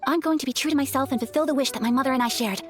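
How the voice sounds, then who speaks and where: A woman playing a refined, earnest young noblewoman in a video game, speaking politely and formally in a gentle, hesitant way. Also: sits high, rapid-fire, close to an everyday voice. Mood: shy, resolved. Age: young adult. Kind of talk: video game character acting. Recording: faint music behind the voice.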